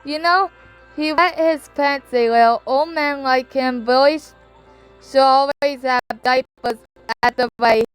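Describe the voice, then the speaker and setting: A woman reading aloud puts on a mocking, unhinged schoolgirl with a very high, sing-song voice that lurches from breezy to frantic. It is a fan reading of a novel. Faint game music plays underneath. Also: steady tone, measured pace, rough recording. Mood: chirpy. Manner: sing-song, abrupt mood swings. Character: erratic, mocking young woman schoolgirl killer.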